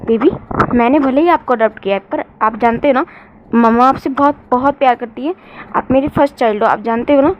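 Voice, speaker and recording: A woman voicing a cold, bitter young man who is a protective parent, speaking in low, clipped orders. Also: brisk, lo-fi sound, noisy background. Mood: tender.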